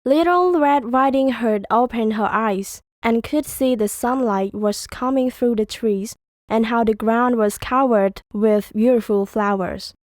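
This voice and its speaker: A woman reading lettered story sentences slowly and carefully for a textbook audio, in a dry, close recording. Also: a little high, dry recording. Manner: slow, careful, even reading. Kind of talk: scripted reading.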